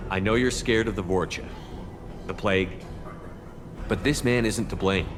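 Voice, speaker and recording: An actor playing a steady, resolute human military commander in a video game, speaking firmly and directly. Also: male voice, lowish voice, moderate pace, natural voice. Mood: reassuring. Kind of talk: video game character acting. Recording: long reverb, music behind.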